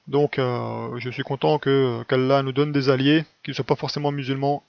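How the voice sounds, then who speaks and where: This man, mid-range with some vocal fry, teaches in a religious video, explaining things in a loose, colloquial monologue sprinkled with "hein" and "quoi." The close-up recording has no room sound and comes across slightly dull and lo-fi.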